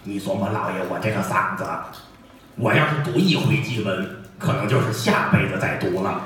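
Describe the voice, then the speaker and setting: A man's voice: on the low side, background noise, voice pushed down, close to an everyday voice. A man playing a pompous old Qing official. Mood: scheming. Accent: Beijing. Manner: slow, drawn-out, self-important. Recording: echoey stage audio from far off.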